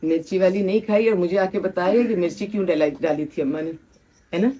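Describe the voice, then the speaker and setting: A woman's voice: lowish voice, brisk, warm tone. Coaxing woman hosting children. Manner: coaxing, teasing, leads applause. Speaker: host of a children's shelter event. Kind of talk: casual talk with children before a gathering. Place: children's shelter gathering.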